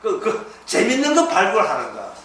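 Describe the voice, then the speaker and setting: Man, pastor, lively high voice, playful lecturing, very echoey hall, mic distant. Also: moderate pace. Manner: animated, joking, repeats key words. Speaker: pastor giving a Bible lecture. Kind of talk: church Bible lecture. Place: church lecture room. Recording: echoey hall, mic far off, faint background noise.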